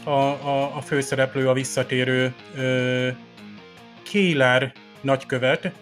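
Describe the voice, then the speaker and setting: A man hosting a podcast, giving solo commentary on a TV episode and pausing often on filler sounds. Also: medium pitch, flat delivery, a bit bright, faint music behind. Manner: hesitant, many filler sounds. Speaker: podcast host.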